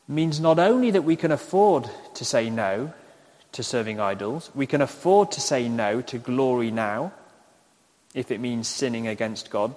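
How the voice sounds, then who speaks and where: Slow, deliberate preacher in an echoing hall. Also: male voice, medium pitch, darkish tone. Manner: slow, deliberate delivery with emphatic pauses. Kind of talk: sermon. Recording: long hall reverb.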